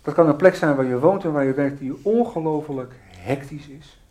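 A man preaching a sermon, swinging between loud pleading prayer and hushed, reflective murmurs. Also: fairly high pitch, normal speed.

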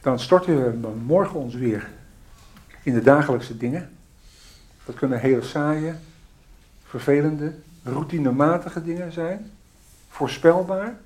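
A man preaching a sermon, swinging between loud pleading prayer and hushed, reflective murmurs. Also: a little high, measured pace, long pauses.

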